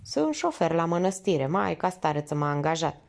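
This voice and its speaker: Weary rustic male driver, hoarse and unsure, lower voice, read by a woman narrator. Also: very animated, heavily acted. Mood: plaintive. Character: weary middle-aged male truck driver.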